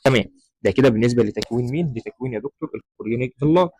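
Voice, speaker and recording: A man's voice: mid-range voice, very fast, dark tone, slightly rough, no echo, low-quality recording. A man with an Egyptian Arabic accent explaining embryology slides to medical students, often calling the listener "doctor" and mixing in English terms. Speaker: medical lecturer.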